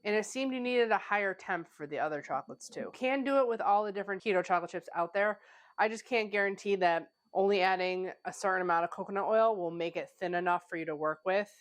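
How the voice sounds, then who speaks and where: A pastry chef hosts a relaxed cooking tutorial in her home kitchen, chatting conversationally and using "like" constantly. Her voice is fairly low and she talks fast, sounding a little stuffy as she gets over a cold.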